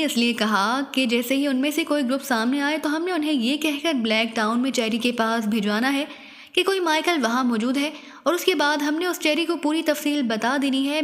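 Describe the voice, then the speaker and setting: A captive woman spy, wounded and fearful, as the woman narrator plays her speaks in a high voice. A long hall reverb trails each line of this spy audiobook. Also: a bit bright. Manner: pleading, fearful.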